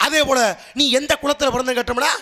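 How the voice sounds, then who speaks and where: Stage actor doing Narada, lofty needling sage, high quick voice, preachy lecturing. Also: male voice, steady tone, sharp tone, full character voice. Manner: preachy, lecturing in rhetorical questions. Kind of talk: Tamil street-theatre stage dialogue.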